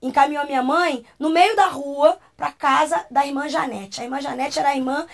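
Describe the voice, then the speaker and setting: Brazilian woman, high voice, emotional testimony, acts out quoted voices. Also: brisk, gravelly. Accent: Brazilian Portuguese. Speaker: talk show guest. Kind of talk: personal testimony storytelling.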